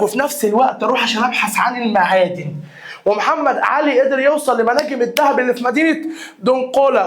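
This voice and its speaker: A young Egyptian man with a high, quick voice runs an exam review lesson. He repeats the key words and keeps quizzing his listeners. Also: a bit bright. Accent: Egyptian Arabic. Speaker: teacher.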